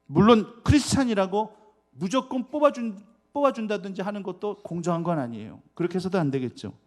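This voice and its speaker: A man preaching as a pastor in a church. He keeps asking the congregation rhetorical questions and swings from loud, stressed words to quiet asides. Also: high voice, animated, a little fast. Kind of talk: sermon. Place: church sanctuary.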